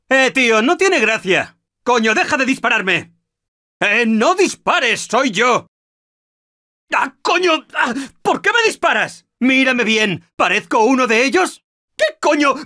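A man with a Castilian Spanish accent playing an anxious everyman zombie-apocalypse survivor in a video game, emotive and slangy, with a husky voice. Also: very high voice, bright, forceful tone, heavily acted. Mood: annoyed, pained.

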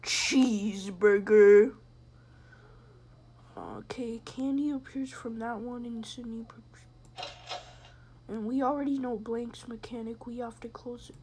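High-voiced woman gaming, jokey and rambling. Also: steady tone, moderate pace, mellow, a little hiss or hum. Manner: jokey, rambling, sometimes drops to a whisper. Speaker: gamer. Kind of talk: let's play commentary.

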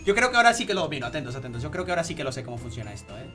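A man with a Spain Spanish accent, live-streaming an online game, chatting excitably and thanking donors. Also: on the high side, very fast. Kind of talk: live gaming stream chat. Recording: game music playing behind voice. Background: game music.

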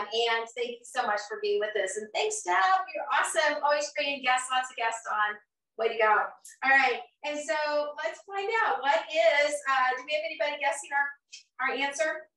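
A woman's voice: a little high, bright, forceful tone. A woman in her fifties hosting a live cooking show from her home kitchen, chatty and encouraging. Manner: chatty, encouraging, laughs often. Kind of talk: upbeat live-stream chat. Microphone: far camera. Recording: roomy kitchen sound from far off.

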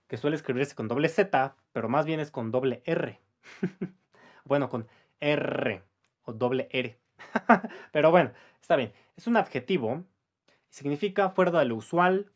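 A man teaching English pronunciation to Spanish speakers, patiently saying words and sentences slowly for the listener to repeat, with light chuckles between explanations. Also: medium pitch. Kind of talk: pronunciation lesson.

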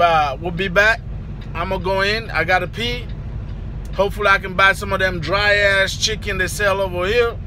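A man's voice: high-pitched, sharp tone, slight background noise. A young man, vlogging casually from his parked truck cab on a phone camera, talking loosely and slangy straight to his viewers. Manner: loose, chatty, slangy, addresses the viewers directly. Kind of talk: casual vlog talk to camera. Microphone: phone camera at arm's length.

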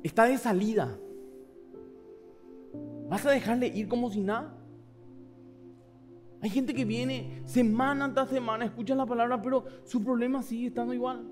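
Pastor, very high voice, fiery sermon swinging between shouts and hushed asides, faint music underneath. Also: male voice, fairly even intonation, moderate pace, pauses often. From Paraguay. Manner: passionate preaching with sudden shouts and hushed asides; acts out voices of the people in the story.

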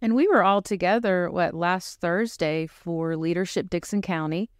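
Middle-aged woman, pregnancy center director, slightly low voice, dry close sound, lively storyteller. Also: moderate pace, dry recording. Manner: chatty, animated storyteller. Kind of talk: casual chat.

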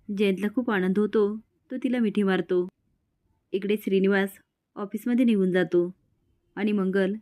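A woman narrating a TV serial recap in a steady scripted read, speaking every character's lines in the same plain voice. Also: mid-range voice. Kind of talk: scripted narration with acted quotes.

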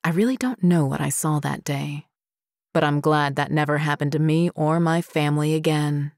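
A woman reading scary stories aloud as a narrator, in a slow, steady storytelling delivery. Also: deep voice, no room sound, clean studio sound.

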